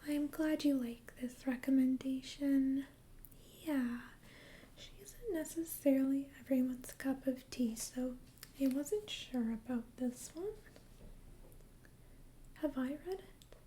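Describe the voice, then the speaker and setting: A woman in a whispered role-play as a friendly, chatty librarian, speaking in a soft, breathy library whisper with a gentle, hesitant conversational manner. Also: high voice, slow pace, pauses often, slight background noise. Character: friendly, chatty female librarian recommending books. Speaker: ASMR role-player as librarian.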